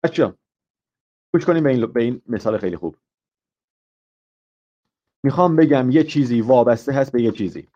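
A man with a mellow, darker voice teaching an IELTS lesson on a live stream. He quizzes his students, walks through each point step by step and switches into English for example phrases. The audio is a little muffled. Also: mid-range voice, lively intonation, pauses often. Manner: asks the class questions and explains step by step. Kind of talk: live online grammar lesson.

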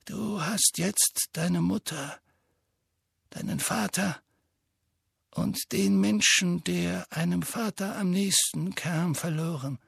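A man voicing a calm, gentle old male headmaster wizard who speaks softly and slowly. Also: sits high, creaky, husky, no echo, clean studio sound, voice pushed up, full character voice. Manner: calm, soft, measured.

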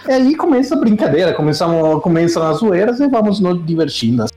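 A man's voice: high-pitched, sing-song, a little fast, warm tone, echoey room, soft background music. Italian man chatting in Portuguese. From Italy. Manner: rambling, self-correcting storyteller. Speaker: streamer guest. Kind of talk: casual interview chat.

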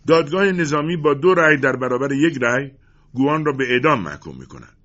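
A man's voice: on the low side, very animated, a bit bright, breathy edge, lo-fi sound, voice pushed up, heavily acted. A man voicing a stern, harsh older judge in a storybook reading. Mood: commanding. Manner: harsh, commanding.

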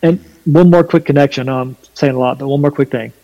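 A man with a Southern US accent and a slight twang, explaining his faith emphatically and deliberately in a preaching style during a conversation. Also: medium pitch, warm tone, highs cut off. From North Carolina, USA. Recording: long hall reverb.

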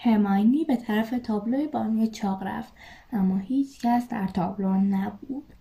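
A woman reading a storybook aloud with measured, expressive narration. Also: mid-range voice, creaky. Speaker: reader.

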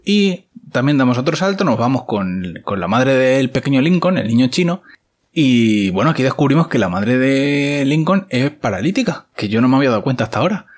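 A man's voice: medium pitch, very animated, a little fast. A man casually retelling a TV episode, wry and chatty, with offhand filler asides. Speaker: series recap host.

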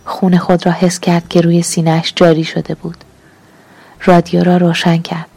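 A woman reading literary fiction aloud as an audiobook narrator, calm and measured, at times half-whispered. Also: on the low side, vocal fry, husky.

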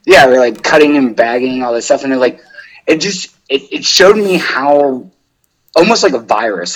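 A husky young man talking as a podcast guest, his voice a bit breathy and rough. He rambles loosely, peppering his sentences with "like" and restarts. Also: mid-range voice, poor audio. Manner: rambling, full of "like". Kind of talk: casual interview chat.

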